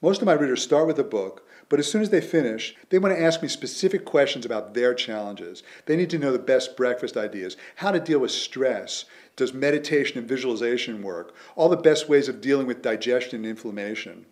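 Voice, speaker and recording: Earnest man giving a sales pitch. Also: expressive, a little fast, darkish tone. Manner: earnest, persuasive. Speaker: author promoting his method. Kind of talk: scripted promotional pitch.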